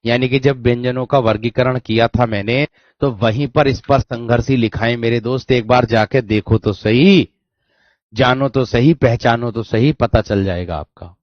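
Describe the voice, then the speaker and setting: A man teaches an online Hindi grammar class, repeating key phrases, slowing down to dictate and often checking that students understood. His voice is medium-pitched, and the recording is dry, dull and lo-fi.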